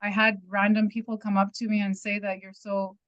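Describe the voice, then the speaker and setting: A woman's voice: medium pitch, little pitch movement, fairly quick, fairly bright tone, no room sound. A woman in her thirties, from Iran, telling her personal story candidly and emphatically in a group circle. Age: 30s. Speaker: participant sharing her story. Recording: dull dry lo-fi audio.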